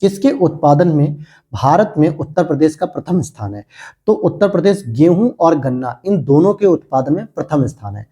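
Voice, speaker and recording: In a teacherly lecture, a man from India works through exam questions, reading each aloud and answering it himself. His voice is a little high yet dark and mellow with a husky edge, animated and at normal speed.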